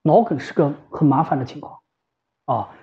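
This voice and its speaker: A woman who works as a home ventilator specialist and shop staff explains things in a casual, conversational way, repeating phrases for emphasis. Her voice sits low, with a warm tone and moderate pace. The recording sounds slightly dull and lo-fi.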